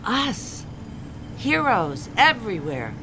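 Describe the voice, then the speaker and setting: An actress playing a shrewd, commanding spy heroine who analyses the situation, in an audio drama. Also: female voice, a little high, big pitch swings, takes it slowly, background noise, full character voice. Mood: analytical.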